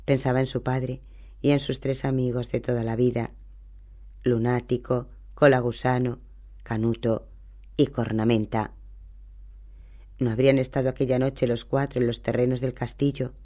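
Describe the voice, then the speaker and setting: Man, audiobook narrator, steady scripted reading, dark mellow voice. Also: medium pitch, normal speed, long pauses.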